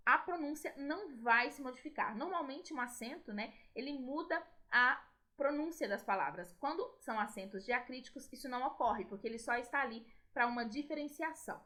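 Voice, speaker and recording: A woman's voice: sits high, expressive, fairly quick, bright, forceful tone. A woman with a Brazilian Portuguese accent, a Spanish teacher explaining grammar in a recorded video lesson and often checking in with her students. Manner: explanatory, tag questions to students.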